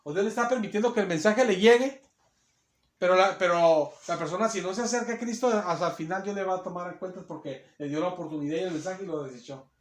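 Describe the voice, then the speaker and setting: High-voiced man preaching in an echoey church. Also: fast talker. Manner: emphatic, acts out quotes, many restarts. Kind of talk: sermon Bible teaching. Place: church hall. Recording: roomy echo.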